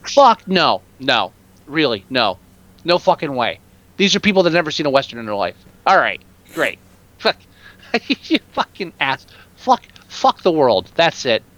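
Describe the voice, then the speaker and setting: A man co-hosting a podcast rants through casual, opinionated film chat, exasperated and heavily profane. His pitch is fairly high with big swings, his pace moderate, and the audio is a bit bright with the highs cut off.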